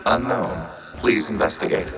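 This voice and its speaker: An actor voicing a calm synthetic male machine intelligence in a video game, speaking in flat, clipped, computer-like status reports through a synthetic processed effect. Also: normal speed, low-quality recording. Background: game music.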